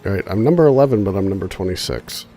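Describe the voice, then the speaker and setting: This gaming streamer has a deep, warm, expressive voice and talks quickly over soft background music. Despite the quick pace he's laid-back and chatty, his congested, nasal speech wandering as he thinks aloud with fillers.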